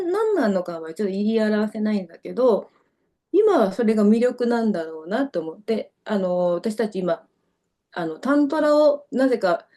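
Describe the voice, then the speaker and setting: A middle-aged woman from Kyoto, Japan speaks with a Kansai accent in a voice on the high side with a dark tone. She's a dancer appearing as a guest in a casual interview, telling long, meandering stories packed with fillers.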